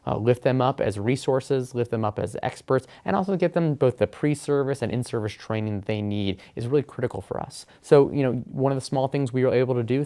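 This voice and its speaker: A man's voice: medium pitch, dark tone. A man answering interview questions in a webinar, explaining education policy in an earnest way with frequent fillers.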